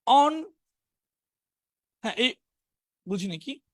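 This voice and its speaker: A man teaching spoken English in an online class, briskly drilling words and their meanings. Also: high-pitched, a bit bright, dry recording, studio quality. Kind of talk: online class lesson, reading word lists.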